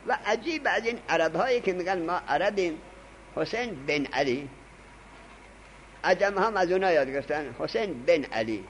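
A man's voice: fairly high pitch, fairly bright tone, slight background noise, rough recording. A man teaching an Arabic grammar lesson, lecturing emphatically and dictating notes to his students. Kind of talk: classroom lecture.

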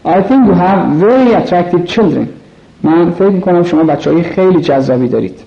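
A man teaching English, he reads each practice sentence slowly and then rattles off a quick translation, stumbling a little as he goes. His voice sits fairly high, and the old recording sounds dull and roomy. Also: expressive, vocal fry. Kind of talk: language lesson drills. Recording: echoey lo-fi recording.

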